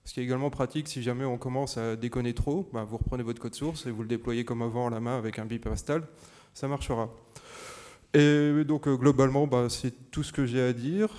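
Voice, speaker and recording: A man's voice: medium pitch, fairly even intonation, brisk, darkish tone. A man with a French accent giving a casual, joking conference lightning talk, hesitant and full of fillers. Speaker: conference speaker.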